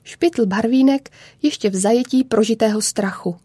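A woman narrating a children's story in a calm, measured way. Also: a little high, husky, no room sound.

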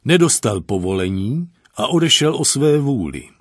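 A man's voice: medium pitch, sing-song, no room sound, clean studio sound, voice pushed up. A man voicing a dutiful male army officer, anxious and respectful, who reports to his general in a formal way. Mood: reporting.

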